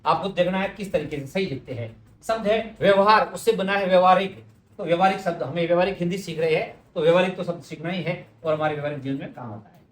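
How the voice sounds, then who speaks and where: A man's voice: high voice, fast, reverberant. A man teaching correct Hindi spelling, explaining each word patiently and speaking directly to his students.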